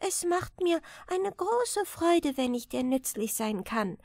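A woman doing a sweet, high little girl. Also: very animated, slow pace, a little mellow, dry recording, clean studio sound, exaggerated voice. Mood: pleading. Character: sweet devoted young girl, gentle and loving.

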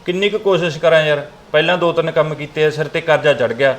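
A man's voice: on the high side, fast talker. A young man playing a frustrated husband who quit his shop in a family skit. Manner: frustrated, fed up.

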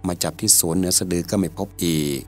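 A man narrates a story in a steady, measured way. His voice sits very low. Faint music runs softly behind him.

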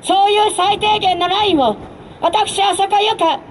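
A woman election candidate delivering an emphatic street campaign speech through a handheld microphone, in deliberate phrases with direct appeals. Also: extremely high pitch, poor audio. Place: outdoor urban street rally stage. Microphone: handheld mic over PA, filmed from a distance. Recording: faint outdoor street noise.

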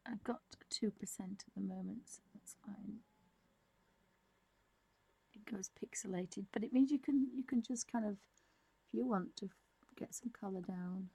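A woman presents a digital art demonstration in an informal, unscripted way. Her voice is husky with plenty of vocal fry at a middle pitch. She muses aloud as she works, as if thinking through each step. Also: unhurried, warm tone, no room sound, rough recording. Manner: musing, thinking aloud while drawing. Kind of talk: casual, unscripted demonstration commentary.

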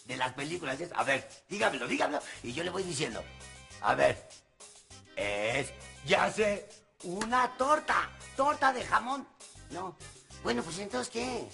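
Talkative servant, high gravelly voice, telenovela scene. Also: male voice, a little slow, soft background music, full character voice. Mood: chatty. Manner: rambling, animated storytelling. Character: chatty, cheerful male servant. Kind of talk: telenovela acting.

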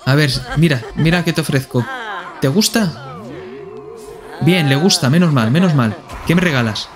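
A man's voice: a little high, moderate pace, music in the background. A man with a Spain Spanish accent streaming live gameplay commentary, playfully talking to himself and to the characters on screen.

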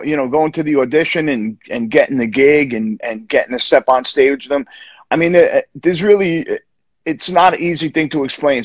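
A man's voice: medium pitch, no echo. A man in his fifties from Long Island with a New York accent, a guest musician chatting casually on a video call from his home, rambling with many restarts and fillers. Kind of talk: casual interview chat. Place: home room, indoors. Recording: dull lo-fi video call audio.

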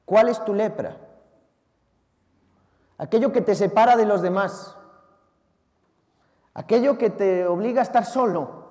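A man from Spain with a Spanish accent, a priest reading the Gospel and preaching a Sunday homily in a lively, theatrical way, talking straight to the congregation. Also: high-pitched, a little slow, pauses often. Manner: lively, theatrical, shouts out acted cries, talks to listeners directly. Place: large church. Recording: long church reverb.

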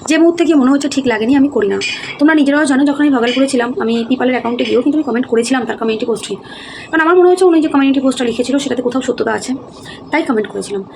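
A woman's voice: high voice, rapid-fire, creaky. A woman vlogger talking earnestly to her viewers, explaining herself, weary and heavy-hearted. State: feeling low and heavy-hearted. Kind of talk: casual talk to viewers. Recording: noticeable background noise.

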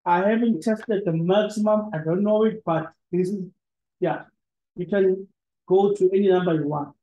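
In a one-on-one screen-share session, a male PLC trainer works through the material step by step, restarting often and dropping in "ne?" as a filler. His voice sits high with a dark tone at a moderate pace, recorded with reverb and dull audio.

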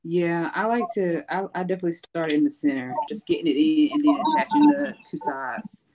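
A woman's voice: fairly low pitch, animated, fairly quick, crowd noise, low-quality recording. A woman co-hosting a live makeup show, explaining beauty tips in a chatty way with frequent fillers. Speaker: makeup co-host with her own lash line. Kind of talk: casual makeup tutorial chat.

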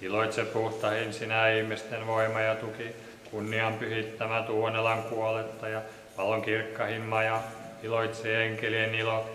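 A man reading liturgical prayers in a steady, monotone recitation in a large church. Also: fairly low pitch, slight background noise. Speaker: liturgical reader. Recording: echoey church with long reverb.

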